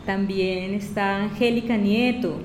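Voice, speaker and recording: A woman's voice: medium pitch, fairly even intonation, a little slow, roomy sound, noisy background. A woman hosting a live radio program, greeting listeners and summing up the conversation. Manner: warm greetings, reads listener messages. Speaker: radio host.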